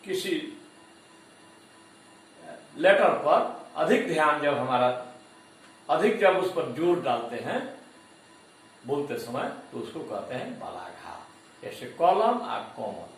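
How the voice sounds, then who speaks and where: A male lecturer talks slowly through a lesson, repeating each example word so the class catches its stress. His pitch sits a little high and swings widely. The voice is picked up from a distance in a strongly echoing room. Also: big pitch swings, a little hiss or hum. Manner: slow, deliberate, repeats example words for emphasis. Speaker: teacher education lecturer. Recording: echoey room, voice far from mic.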